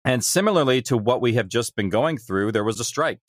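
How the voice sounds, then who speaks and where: Brisk and expressive, with a medium pitch, this podcast guest, a man in his thirties or forties who creates audio dramas, tells the story behind his creative work in an interview. The studio sound is clean, with no room sound.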